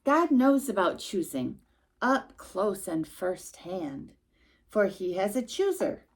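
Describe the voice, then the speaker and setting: Reading aloud from a rhyming picture book for a young child, this storytime host uses a medium pitch and slow pace. Her delivery is emphatic and expressive, dotted with small remarks to the listener.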